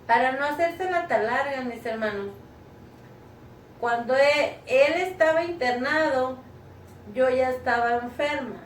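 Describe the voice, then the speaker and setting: A woman's voice: high voice, measured pace. A middle-aged woman gives a personal religious testimony to her church, earnest and tearful, speaking to her listeners as brothers and sisters. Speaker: church member giving testimony. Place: living room at home. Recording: roomy, distant mic, faint background noise.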